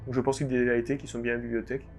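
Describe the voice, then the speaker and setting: A man's voice: medium pitch, little pitch movement, racing, a little mellow, soft background music. A man chatting casually as a player in a tabletop role-playing game.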